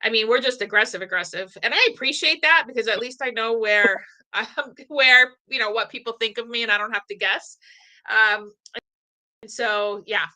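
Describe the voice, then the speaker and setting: A woman from the Northeastern US hosting a podcast, talking in an animated, blunt way and swearing casually. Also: fairly high pitch, moderate pace, rough recording. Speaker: podcast host. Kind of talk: casual conversation.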